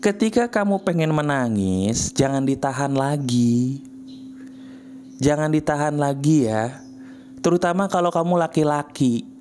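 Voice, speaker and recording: A man giving a motivational monologue straight to the listener. He coaxes and repeats himself, asks rhetorical questions, and swings between soft low murmurs and high emphatic bursts. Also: animated, measured pace, pauses often, slight background noise. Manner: intimate, coaxing, with frequent repetition and rhetorical questions. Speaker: motivational speaker.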